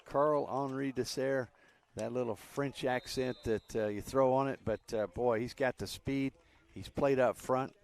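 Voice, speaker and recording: A man doing live play-by-play commentary on a youth soccer match, relaxed and chatty with frequent fillers. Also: medium pitch, normal speed, few pauses.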